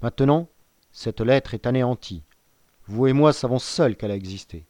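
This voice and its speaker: A man's voice: mid-range voice, normal speed, dark tone, no echo, natural voice. A man reading an audiobook aloud, voicing a stern magistrate who gives orders in a commanding, tense and secretive way. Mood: urging. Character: stern, anxious male magistrate. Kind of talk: audiobook character voice.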